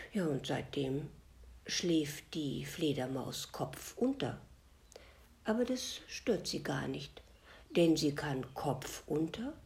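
A woman storyteller telling a fable, often sinking into a hushed whisper. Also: fairly low pitch. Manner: slow, hushed, dropping to a whisper.

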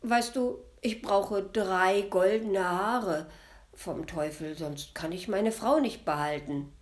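A woman's voice: medium pitch, slow, lightly acted. A woman voicing a kind-hearted, earnest young lad in a spoken fairy tale, pleading his case.

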